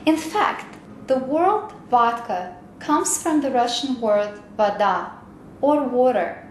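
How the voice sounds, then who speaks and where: Woman, corporate training narrator; higher voice, unhurried read, roomy echo. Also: animated, a little hiss or hum.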